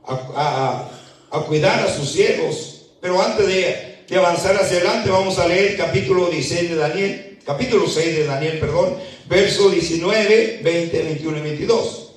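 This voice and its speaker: A man preaching a sermon in a church, whose slow, emphatic scripture reading climbs at times into shouting. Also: high voice. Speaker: pastor. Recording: echoey church hall, mic at a distance.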